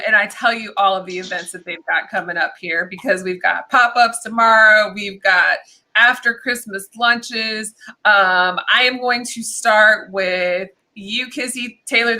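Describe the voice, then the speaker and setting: A woman's voice: medium pitch, fairly even intonation, normal speed, pushed and bright, low-quality recording. A woman hosting an interview show who speaks in an upbeat, encouraging and gushing way. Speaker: talk show host.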